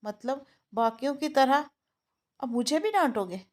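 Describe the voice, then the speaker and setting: A woman's voice: high-pitched, expressive, a little slow. A woman voicing a sulky, childlike young bride who talks in a petulant, whiny way.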